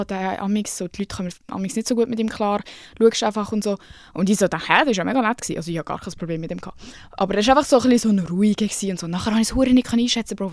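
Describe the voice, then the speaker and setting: A young woman with a Swiss German accent tells a story on her podcast in loose, slangy, animated chat, swearing freely. Her voice sits at a middle pitch for a woman. The recording is dry, close and free of room sound. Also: no echo. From Switzerland. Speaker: podcast host.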